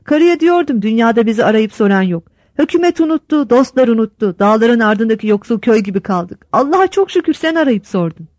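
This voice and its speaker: A proud, chatty village instructor bubbles over as he shows off his yard, as a woman puts him on. The voice rides high with big pitch swings and sometimes shouts. The recording is dry and close. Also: brisk, few pauses, no echo. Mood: eager. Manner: excited, shouting to his wife. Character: eager male village instructor, proud and talkative.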